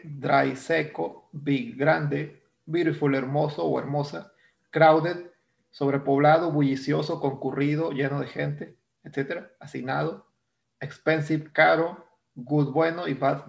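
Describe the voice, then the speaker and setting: Male English teacher with a Mexican Spanish accent, fairly high and gravelly, walking students through a lesson patiently and repeating key terms. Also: highs cut off. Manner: explains step by step, repeats terms, asks "¿no?". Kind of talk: recorded online grammar lesson.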